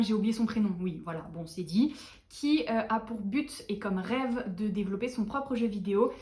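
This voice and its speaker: A tired young woman chatting casually to camera as a book vlogger, animated and self-mocking. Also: a little high. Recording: echoey room.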